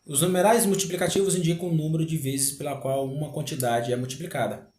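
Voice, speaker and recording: A man teaching a grammar lesson, explaining slowly, repeating words and asking rhetorical questions. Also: fairly high pitch, steady tone, a little mellow. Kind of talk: grammar lecture. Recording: echoey room.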